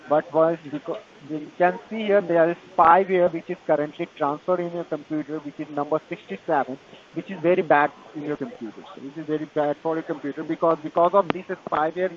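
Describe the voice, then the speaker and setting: A man with an Indian accent giving a tech support pitch in a call-center manner, halting and repetitive in non-native phrasing. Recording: dull lo-fi phone call, busy chatter behind.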